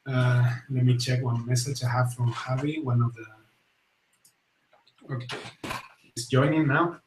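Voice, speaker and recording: A man's voice: mid-range voice, steady tone, unhurried, recorded from a distance, slight background noise. A young man from Spain with a Spanish accent, hosting a casual live-streamed talk show and talking hesitantly, with many fillers and restarts. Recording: echoey room, voice set back from the mic.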